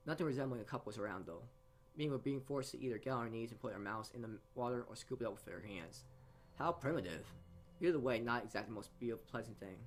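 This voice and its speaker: Reading a visual novel aloud at a quick pace, this man has a mid-range voice, with slight background noise in the recording. His narration is casual, and he regularly stumbles and rereads lines.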